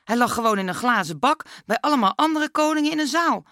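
A woman voicing an excitable grown man, a boy's father, with loud exclamations. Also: fairly high pitch, quick pace, no echo, clean studio sound, pitched above the performer's own voice. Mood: excited.

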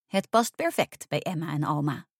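A curious schoolgirl pipes up in a very high, squeaky voice that leaps about, as a woman puts her on for a storybook. Recorded dry and close. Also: lively intonation, no room sound. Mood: eager. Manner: squeaky, very high, quick questions. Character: curious young schoolgirl narrator, eager.

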